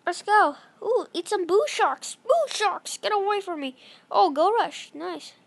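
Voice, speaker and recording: A woman giving casual gameplay commentary, chatty and apologetic, breaking into excited shouts. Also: very high voice, measured pace, vocal fry. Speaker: gaming channel host.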